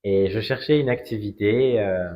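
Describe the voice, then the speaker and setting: A cigar brand ambassador in his forties from Strasbourg, France, tells a personal story as a guest in a conversational interview. His fairly low voice builds phrases carefully, with frequent pauses and hesitation, and the audio sounds dull.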